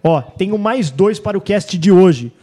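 A man's voice: high-pitched, a little slow. A man from São co-hosting a casual podcast, telling stories and acting out his son's lines. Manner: animated storyteller, acts out voices of his son. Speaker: podcast co-host.

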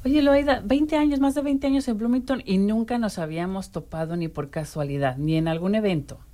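A woman hosting a radio interview show in casual, chatty Spanish conversation, warm and playful with frequent restarts. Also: medium pitch, fairly quick.

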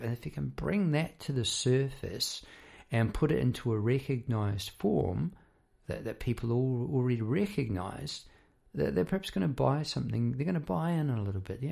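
Croaky-voiced man rambling casually. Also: mid-range voice, darkish tone. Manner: rambling and halting, repeats words. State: croaky voice after poor sleep. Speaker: songwriter and musician hosting a half-hour talk. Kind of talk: casual reflective monologue on songwriting.

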